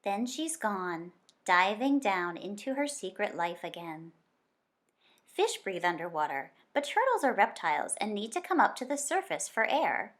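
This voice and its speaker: A mid-range female voice reads from a nonfiction picture book meant for children. She sounds like a teacher, telling it expressively and deliberately.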